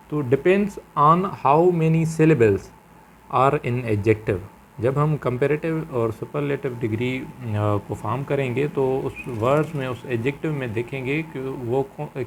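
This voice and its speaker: A man teaching a grammar lecture, halting and full of fillers, mixing English terms into his Hindi. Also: mid-range voice, darkish tone, a little hiss or hum. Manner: halting, many fillers and repeated phrases; mixes English terms into Urdu-flavoured Hindi.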